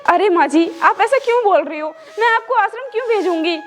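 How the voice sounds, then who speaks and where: Meek pleading daughter-in-law. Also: male voice, extremely high pitch, animated, fairly quick. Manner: pleading, soft-spoken. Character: meek, long-suffering young daughter-in-law. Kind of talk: amateur Hindi family drama.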